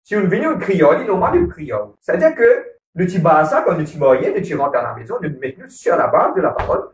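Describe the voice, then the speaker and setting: A man's voice: sits high, very animated, quick pace, far from the mic, slight background noise. A man with a Mauritian Creole accent, talking earnestly about marriage at a church gathering, repeating his points and often checking in with "ok?". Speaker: married churchgoer speaking on a couples program. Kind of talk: casual church talk on marriage. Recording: roomy echo, voice from away from the mic.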